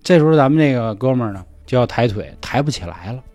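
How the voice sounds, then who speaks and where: A man tells a ghost story at a quick clip, slipping into hushed, half-whispered voices for the characters. The sound is dry and close, with faint music in the background. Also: mid-range voice, lively intonation, no echo. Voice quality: colloquial, acts out dialogue in hushed voices. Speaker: podcast storyteller. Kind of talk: casual ghost story telling.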